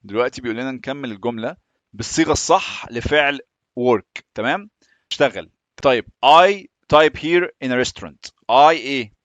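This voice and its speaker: A man with an Egyptian Arabic accent teaching English step by step, often pausing to check that the listener is following. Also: mid-range voice, no room sound. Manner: patient, often checks in with "تمام؟". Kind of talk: explaining English lessons in Arabic.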